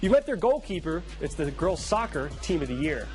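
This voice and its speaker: A man's voice: fairly high pitch, big pitch swings, brisk, darkish tone, faint music behind. A man hosting an awards show live in a studio, presenting and interviewing in a congratulatory manner. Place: studio set with people present.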